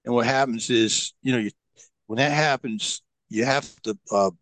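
A man's voice: medium pitch, moderate pace, fairly bright tone, no room sound. Middle-aged man telling stories casually. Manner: rambling, many fillers and restarts. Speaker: podcast guest. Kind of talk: casual storytelling.

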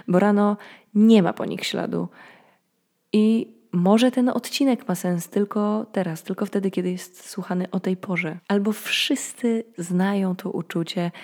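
A woman in her twenties recording a personal late-night podcast monologue, speaking quietly and reflectively, a little sleepy, as if telling stories. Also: mid-range voice. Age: 20s. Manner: reflective, storytelling. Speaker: podcast host.

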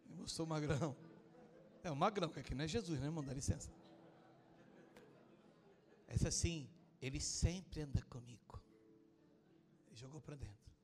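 A middle-aged pastor from southern Brazil preaches with a fairly high voice. He tells his story with energy, acting out each person's lines and building to loud, fervent passages. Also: a little hiss or hum. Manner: animated storytelling, acting out dialogue, rising to loud emotional preaching. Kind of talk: sermon with acted-out story.

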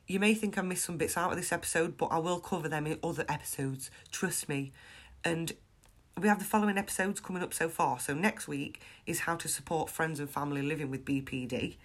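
A woman talks alone into her podcast mic in a loose, chatty way. Her voice sits a little low and sounds stuffy from a chest infection. She is frank and pokes fun at herself. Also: a little fast. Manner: chatty, frank, self-deprecating. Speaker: podcast host. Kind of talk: casual solo podcast monologue.

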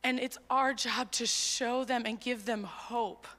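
A woman's voice: a little high, steady tone, slow, sharp tone, long reverb tail. A young woman giving a sermon in a church, talking in an earnest, conversational way with casual fillers. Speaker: preacher. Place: church hall.

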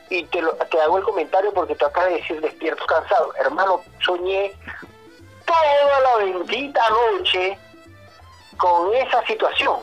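A man telling a work story as a guest on a casual podcast, animated, swearing, often saying "brother". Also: high-pitched, muffled recording.

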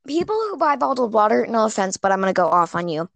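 A teenage girl co-hosting a casual podcast, excitable and prone to ranting in bursts full of "like". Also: fairly high pitch, quick pace, creaky, dry recording. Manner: excitable, rants in bursts with lots of "like". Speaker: podcast co-host. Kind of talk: casual chat.

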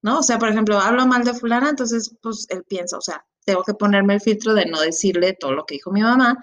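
A middle-aged woman with a Mexican accent chatting on a panel, telling animated stories. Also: mid-range voice, fast talker, highs cut off. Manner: animated storyteller. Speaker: podcast co-host. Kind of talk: casual panel chat.

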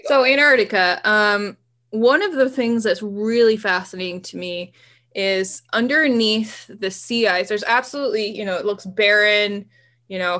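A woman's voice: mid-range voice, fairly bright tone. A woman, casually chatting as a podcast co-host, rambling and laughing often. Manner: enthusiastic about marine biology. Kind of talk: casual chat.

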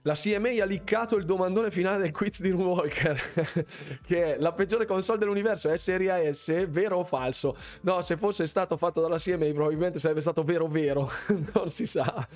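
A playful man hosts a live gaming quiz stream, chatting casually with his viewers. His voice sits a little high, and he repeats words in bouncy runs. Faint music plays softly behind him. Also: brisk. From Bergamo, northern Italy. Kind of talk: casual livestream chat, greeting viewers.

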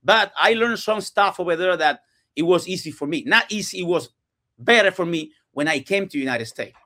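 In a podcast studio, a real estate entrepreneur from Cuba, speaking English as a second language with a Cuban Spanish accent, earnestly tells his story during a casual interview, often restarting sentences and using non-native grammar. His voice is high-pitched and sharp, with lively intonation at a moderate pace.

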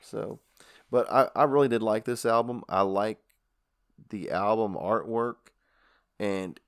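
A man's voice: lowish voice, unhurried, smooth. A man co-hosting a casual album review chat, hesitant and full of restarts as he talks through his thoughts. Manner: hesitant, many restarts and fillers. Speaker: podcast co-host reviewing albums.

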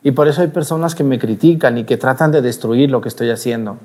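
Animated priest preaching at mass. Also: male voice, medium pitch, quick pace. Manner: animated, asks the congregation rhetorical questions. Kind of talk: sermon at mass.

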